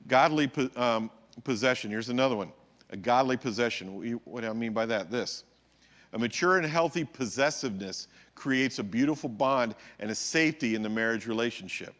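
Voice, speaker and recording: A man's voice: medium pitch, fairly bright tone. Conversational man preaching a sermon. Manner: conversational, checks in with the audience. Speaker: pastor. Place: church.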